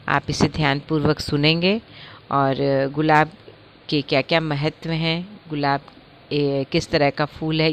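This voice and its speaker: Woman as primary school teacher, low voice, patient and coaxing, faint hiss behind. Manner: gentle, patient, often asks children questions. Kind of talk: online class lesson for young children.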